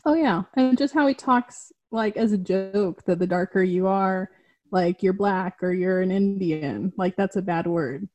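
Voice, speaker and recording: Heartfelt woman with a mellow voice. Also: mid-range voice, unhurried. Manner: heartfelt, earnest, says "like" often. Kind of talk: casual conversation.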